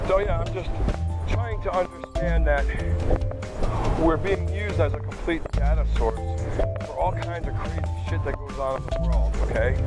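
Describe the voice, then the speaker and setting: A man's voice: fairly high pitch, rough recording. A middle-aged man rambling casually and swearing as he walks outdoors, recorded through headphones used as a microphone, with clicking and tapping. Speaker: outdoor vlogger. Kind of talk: rambling casual monologue to camera while walking. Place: outdoors in open grassland, walking.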